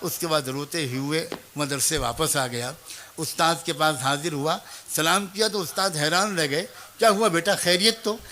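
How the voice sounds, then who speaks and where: Earnestly recounting a moral tale, the preacher speaks straight to mothers and young people, voicing the child, the teacher and the mother. His voice is a little high, bright and forceful, with slight background noise.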